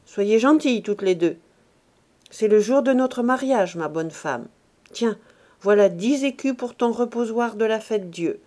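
A woman's voice: mid-range voice, moderate pace, a little mellow, lightly acted. A woman reading an audiobook voices an old miserly winegrower who blusters and wheedles. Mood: blustering. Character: old miserly male winegrower, gruff and scheming.

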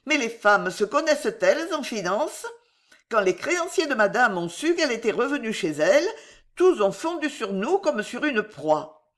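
Une femme qui joue une jeune femme de chambre rusée, volubile et enjôleuse, qui plaide avec aplomb. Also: female voice, on the high side, big pitch swings, moderate pace, a bit bright. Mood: enjôleur. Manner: voluble, wheedling, theatrical. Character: young cunning female chambermaid, glib and persuasive.

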